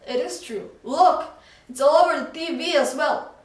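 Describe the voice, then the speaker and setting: A woman voicing a jolly, excitable male shopkeeper who stretches his words out for drama, in a storybook reading. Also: sits high, voice pushed up, lightly acted. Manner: drawn-out, dramatic emphasis. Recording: echoey room, voice from far off.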